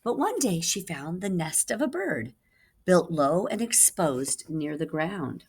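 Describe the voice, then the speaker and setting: This is an expressive children's read-aloud by a woman whose low voice has a slightly rough quality. She performs the storybook with lots of animation and wide rises and dips in pitch, hitting key words dramatically the way a reading teacher would.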